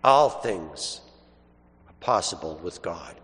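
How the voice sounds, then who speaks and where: Slow solemn man reading in cathedral echo. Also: low-pitched, animated, a bit bright. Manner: measured, formal, deliberate phrasing. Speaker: clergyman reading the Gospel at a church service. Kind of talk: solemn liturgical scripture reading. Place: large reverberant church. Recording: long cathedral-like echo and reverb.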